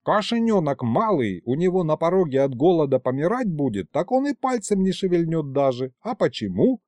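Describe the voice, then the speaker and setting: A man's voice: a little high, very animated, moderate pace, darkish tone, no room sound, voice pushed up. A man doing a cranky folksy old grandpa. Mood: grumbling. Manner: rustic folksy speech, grumbling.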